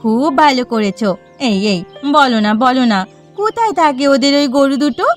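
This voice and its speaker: A woman voicing a nagging, excitable village wife in a cartoon who plots a theft. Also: high voice, normal speed, soft background music. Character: scheming shrill village wife. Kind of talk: Bengali cartoon voice acting.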